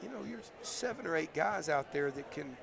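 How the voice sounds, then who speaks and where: Brief: hoarse, gravelly-voiced coach, mid-high pitch, halting postgame chat, crowd noise in the gym. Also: male voice, lively intonation, fairly bright tone. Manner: thoughtful, halting, many fillers and restarts. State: losing his voice. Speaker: basketball coach. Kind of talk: postgame interview.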